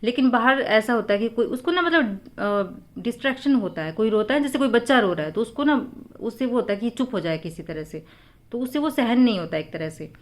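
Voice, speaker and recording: A mother talks casually, patiently explaining step by step and pausing often with fillers as she answers viewers' questions. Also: a little high, lively intonation.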